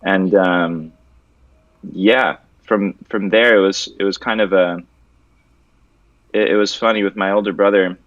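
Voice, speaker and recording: A low-voiced young man from Venezuela chats loosely as a guest artist, joking and swearing now and then. The audio is dull and dry, with no room around it. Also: fairly even intonation, unhurried, long pauses, dry recording. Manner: laid-back, loose and joking, with casual swearing. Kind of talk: casual interview chat.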